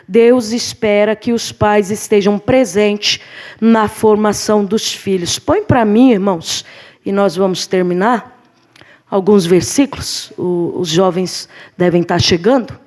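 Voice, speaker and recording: Uma mulher com sotaque brasileiro dando aula de escola dominical na igreja, em tom animado de pregação, chamando a turma de irmãos. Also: female voice, mid-range voice. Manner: lively, preacherly, addresses the class as brothers. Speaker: Sunday school teacher. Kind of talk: church Bible class lesson. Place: church hall.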